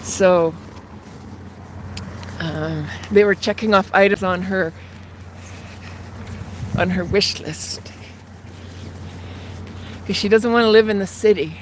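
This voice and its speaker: A woman's voice: medium pitch, slow pace, long pauses, rough recording. A woman in her fifties from Canada, chatting to viewers on a phone while walking through the city, a little out of breath. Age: 50s. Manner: chatty, rambling, talks to viewers. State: slightly out of breath. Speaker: livestream host. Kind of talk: casual chat while walking. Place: outdoors in a city, near traffic and train tracks. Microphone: phone held while walking. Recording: outdoor traffic noise.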